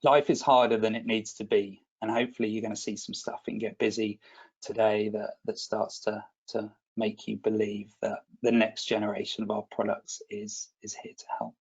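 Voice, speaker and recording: A man's voice: lowish voice, flat delivery, moderate pace, husky, muffled recording. A man presenting a product webinar in a chatty, self-deprecating way, often restarting and repeating words.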